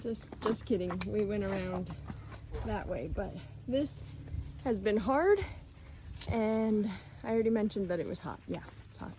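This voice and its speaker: A woman's voice: medium pitch, unhurried. A middle-aged woman narrating a casual family hiking vlog on a handheld camera, chatty and upbeat with frequent laughs. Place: outdoors on a hiking trail. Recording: noisy outdoor recording.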